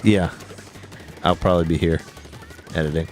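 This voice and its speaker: A man's voice: low voice, steady tone, normal speed, a little mellow, a little hiss or hum. A man co-hosting a podcast, joking bluntly and swearing freely while playing a video game. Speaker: podcast co-host and editor.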